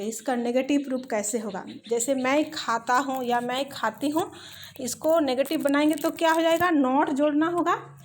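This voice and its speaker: Slow, high-voiced woman teaching grammar. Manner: patient, spells out examples slowly word by word. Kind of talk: slow explanatory lesson.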